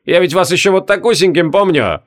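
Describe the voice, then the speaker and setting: A folksy old undead marshal, played by a male audiobook narrator, talks in a raised, lively voice that swings up and down. He is jovial and rustic, and he turns gruff when he gives orders. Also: sits high, fairly quick, pitched above the performer's own voice. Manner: folksy rustic speech, gruff barking commands.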